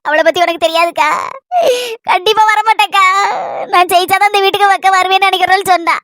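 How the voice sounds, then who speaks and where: A woman's voice: extremely high pitch, fairly even intonation, fast, a bit bright, dry recording, clean studio sound. A woman with a Kanyakumari Tamil accent, performing a one-person village comedy skit in a lamenting, complaining manner.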